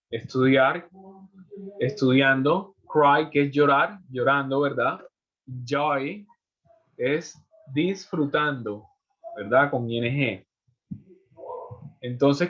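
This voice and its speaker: A man's voice: fairly high pitch, a bit bright, husky. A man teaching an English class in Spanish, explaining rules step by step and checking in with his students after each point. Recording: muffled lo-fi audio.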